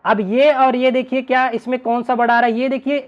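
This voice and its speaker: A man's voice: very high-pitched, little pitch movement, fairly quick, highs cut off. A male teacher giving an online exam-prep lesson, chatty and constantly checking in with his students. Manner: chatty, keeps checking in with "ठीक है ना".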